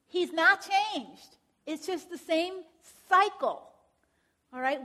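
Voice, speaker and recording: High-voiced woman giving a counseling lecture. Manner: frequent tag questions and check-ins. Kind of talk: conversational lecture.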